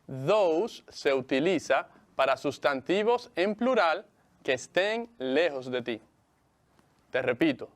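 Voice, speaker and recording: A man teaching English in Spanish, speaking slowly and clearly with a Mexican Spanish accent and repeating each word for his students. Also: on the high side. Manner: slow, carefully enunciated, repeats words for students. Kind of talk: bilingual televised English lesson.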